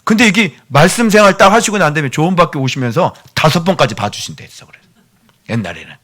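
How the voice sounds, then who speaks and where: A pastor delivers his sermon in a church sanctuary, chatting with the kids by name and sometimes lowering his voice almost to a whisper. He speaks fast, in a fairly high, expressive and rather bright voice.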